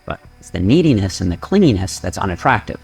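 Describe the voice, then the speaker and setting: Lively, low-voiced man narrating an explainer. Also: gravelly, slightly rough. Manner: measured, data-driven, lively delivery. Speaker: fitness educator narrator.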